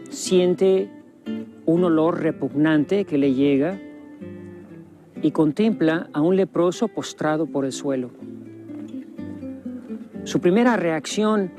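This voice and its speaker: A man with a fairly high voice narrates a documentary in a solemn, measured way, pausing for weight. Clear plucked guitar music plays under his studio voice-over. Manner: solemn, measured, with dramatic pauses.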